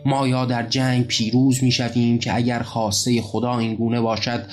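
A man voicing a young male leader who proclaims holy war to his followers, in a slow, solemn storybook speech. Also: mid-range voice, lightly acted.

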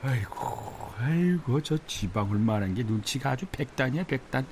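A middle-aged man playing a boastful, grumbling father in a radio drama, quick to shout. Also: mid-range voice, expressive, slight background noise, natural voice. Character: blustering, idle middle-aged dad.

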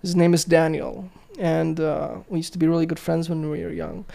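A man hosting a podcast in casual chat, blunt and quick, swearing freely. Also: on the high side, flat delivery, vocal fry, dark tone. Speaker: podcast host.

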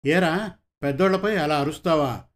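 A poor, unschooled farmhand and father speaks humbly and pleads with his master, as a male reader voices him. His voice is slightly high and plain, the way a storyteller does a simple village man. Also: normal speed, natural voice. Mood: gruff.

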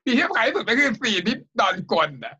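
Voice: medium pitch, expressive, fast talker, bright, forceful tone, slightly rough, highs cut off. A co-host in casual chat, blunt and teasing in an informal way.

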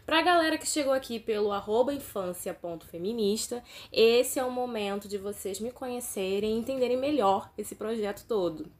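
A woman in her thirties from Brazil, with a Rio de Janeiro state accent, hosting a solo podcast in an animated, emphatic way and speaking straight to her listeners. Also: a little high, normal speed, hardly any pauses. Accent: Brazilian Portuguese, Rio de Janeiro state. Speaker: podcast host and teacher.

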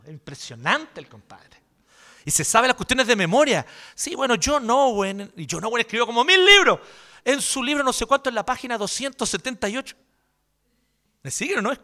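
A Chilean-accented male pastor preaches a sermon in a casual, joking, colloquial way. His voice sits high for a man and has a bright, ringing tone. His pitch swings widely as he talks.

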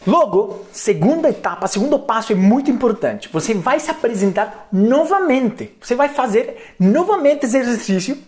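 A man's voice: very high voice, very animated, normal speed, hardly any pauses, darkish tone. Playful man teaching English. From Colombia. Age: 30s. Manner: playful, chatty, peppers talk with tag questions. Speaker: English coach. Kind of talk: live-streamed language lesson.

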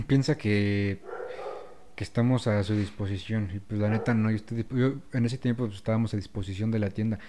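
A man's voice: fairly low pitch, fairly even intonation, moderate pace, warm tone, slight background noise. A young man with a Mexican accent in a casual chat, laid-back, agreeing and then arguing his point. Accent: Mexican Spanish.

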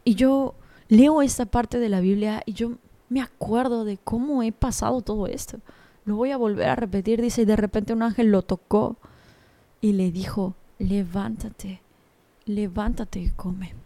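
A woman's voice: a little high, normal speed, warm tone. Earnest young woman giving a devotional talk. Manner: earnest, personal and confiding.

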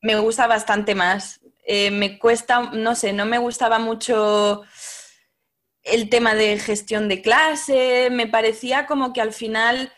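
A woman's voice: a little high, flat delivery, slow, a bit bright. A woman, a teacher speaking as a podcast guest, thoughtful and often hesitating. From Spain. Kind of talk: casual interview talk.

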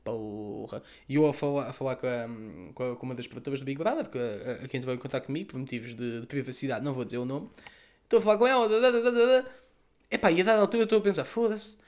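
A young man with a European Portuguese accent, telling a story in a casual vlog, animated and profane, acting out the dialogue, speaking outdoors near the beach. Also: medium pitch, very fast. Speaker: content creator.

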